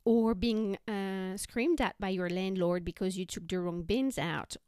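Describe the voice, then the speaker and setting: A woman hosting a self-help podcast, talking conversationally in a measured, explanatory way. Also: medium pitch, fairly even intonation, dark tone, smooth, dry recording, studio quality. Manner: measured, explanatory, listing examples. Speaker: podcast host.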